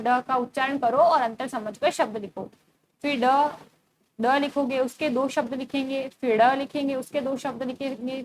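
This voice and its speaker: A woman's voice: high voice, a little hiss or hum. A woman teacher explaining a school lesson step by step, asking questions and then answering them herself. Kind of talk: recorded classroom lesson.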